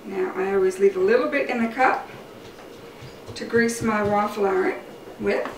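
In an indoor home kitchen, a middle-aged woman speaks at a normal speed in a mid-range voice as she demonstrates cooking step by step. She keeps it casual and chatty, hosting her own show. The camera mic sits a few metres back, so the recording is distant and roomy with loud clatter.

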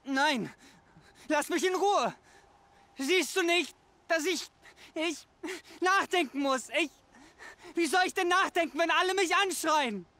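Scared young game tribesman, way high voice, keeps repeating himself. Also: pushed and bright, no room sound, full character voice. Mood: agitated. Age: young adult. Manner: pleading, halting, repeats himself. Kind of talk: video game dialogue.

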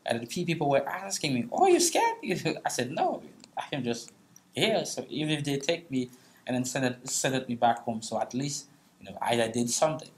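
Sharing personal stories on a panel, this middle-aged guest speaker from Haiti talks in a mid-range, sing-song voice with a Haitian accent. He stops and restarts a lot and laughs often, speaking in a large meeting room.

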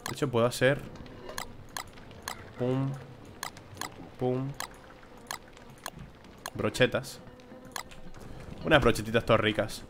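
A man's voice: mid-range voice, fairly even intonation, slow, long pauses, background noise. A young man from Spain with a Spanish accent giving casual gameplay commentary, talking to himself and grumbling as he plays. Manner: talks to himself, grumbling and exclaiming. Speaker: gameplay streamer.

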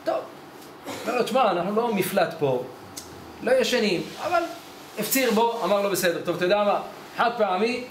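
A man's voice: high-pitched, animated, long pauses, a little hiss or hum. A man, a rabbi, giving a storytelling sermon in a study hall and acting out the dialogue of his tale. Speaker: rabbi giving a weekly Torah lesson. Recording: echoey hall with faint ambience.

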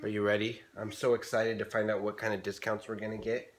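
Giggly mock-excited woman, roomy echo. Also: a bass voice, fast, a crowd in the background. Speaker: parent vlogger. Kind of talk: casual home video. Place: home in the morning.

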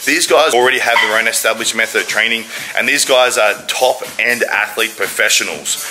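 A man's voice: on the low side, fairly quick, pushed and bright, rough recording. A man in his thirties, a fitness trainer, explaining training to camera in an earnest, emphatic way. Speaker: fitness trainer, video presenter. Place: large gym, indoors. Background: music.

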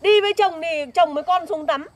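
A woman trades jabs in a comedy skit. Her voice sits high and she talks quickly, teasing and accusing her friend in a gossipy way. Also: a little hiss or hum. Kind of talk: comedic banter.

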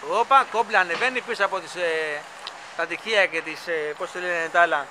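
A chatty man with a fairly high voice narrates a casual vlog outdoors. He rambles enthusiastically on a handheld camera mic. Machinery and site noise run clearly behind him. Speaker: vlogger filming a stadium construction site. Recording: loud construction site noise.

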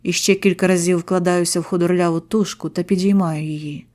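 A woman narrates a first-person horror story. She reads in short, clipped sentences with a tense, steady delivery. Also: fairly low pitch, a little fast.

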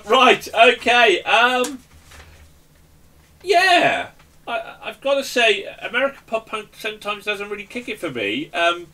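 A man's voice: high-pitched, bright, forceful tone, recorded from a distance. A man hosting a casual album review chat, jokey and rambling with lots of ums and restarts. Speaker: host of album review show.

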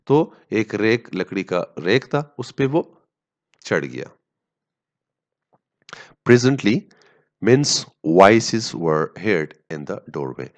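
A man teaching a story as a lesson, reading each English line slowly and then explaining it at length with pauses and fillers. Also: on the low side, lo-fi sound. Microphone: voice-over on slides.

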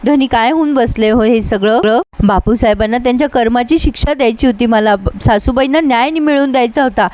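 A woman's voice: a little high, fairly quick, hardly any pauses, a little mellow, lightly acted. A woman voicing an earnest young daughter-in-law who pleads with her family in a recap of a TV serial. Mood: tearful. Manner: pleading, tearful appeals.

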